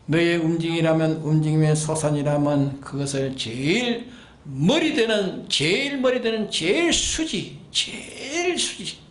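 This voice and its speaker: Male pastor, high pitch, preaching in a reverberant sanctuary, drives home repeated commands and rhetorical questions. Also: animated, unhurried. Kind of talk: sermon. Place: church sanctuary.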